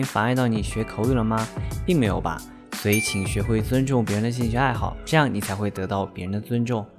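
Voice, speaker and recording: A man hosts his vlog with a measured, explanatory delivery, setting up the topic and then asking questions. His voice sits on the low side. Clear music plays behind him throughout. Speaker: host. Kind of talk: vlog narration and interview questions.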